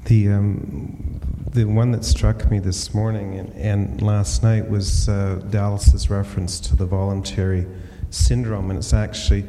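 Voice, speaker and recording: A male pastor answers a panel thoughtfully, in measured sentences with occasional fillers. His voice is low and very dark. Long hall reverb and faint noise surround him. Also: flat delivery. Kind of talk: panel discussion.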